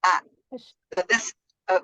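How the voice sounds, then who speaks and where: A woman's voice: slow, no room sound. A woman on a phone call from her car while driving, introducing herself at a meeting in a hesitant, apologetic way. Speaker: staff member of a county supervisor's office.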